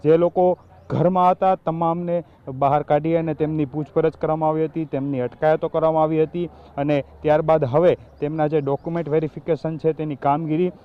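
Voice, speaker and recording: A man reporting live for a news channel from an outdoor police ground, speaking in steady, official sentences. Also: a little high, fairly quick, narrow, tinny audio. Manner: steady, level delivery with official lists. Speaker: field reporter.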